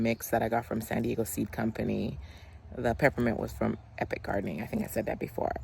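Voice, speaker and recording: Garden vlogger, talks to viewers outdoors, excitable, gravelly, faint yard sounds behind. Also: mid-range voice, slight background noise. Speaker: gardening channel host. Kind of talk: casual gardening vlog.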